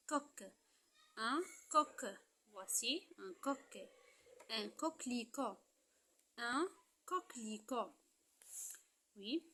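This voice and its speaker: A Moroccan-accented woman walks young pupils through a lesson at an unhurried pace. Her voice is bright and fairly high, and she repeats each word over and over, leaning on its syllables. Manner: repeats words slowly, stressing syllables. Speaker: teacher. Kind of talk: slow primary-school lesson walkthrough.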